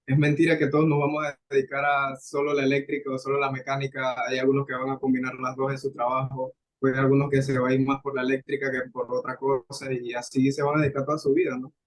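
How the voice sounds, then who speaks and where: A man's voice: medium pitch, completely flat delivery, quick pace, hardly any pauses. A young man, a student, co-hosting a casual podcast in an agreeable, chatty way. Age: young adult.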